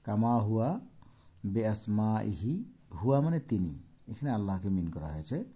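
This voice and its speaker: A man with a Bangladeshi Bengali accent teaching a textbook lesson to young pupils on a phone, explaining terms slowly and checking often that they follow. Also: fairly low pitch, big pitch swings, mellow, slightly rough.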